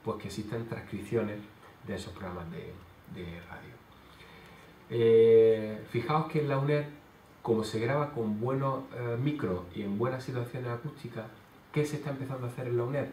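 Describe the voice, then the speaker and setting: Male lecturer, halting explanatory delivery, distant mic in a reverberant hall, faint background noise. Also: mid-range voice, mellow. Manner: explanatory, many hesitation fillers. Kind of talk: conference talk. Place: conference hall. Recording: roomy hall sound from far off.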